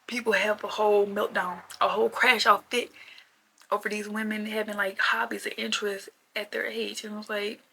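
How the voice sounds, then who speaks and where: Chatty young woman with gravelly fry. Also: mid-range voice, little pitch movement, moderate pace, bright, forceful tone, slight background noise, rough recording. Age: 20s. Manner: chatty, repetitive, lots of "like" fillers. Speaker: vlogger. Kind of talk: casual rambling rant to camera.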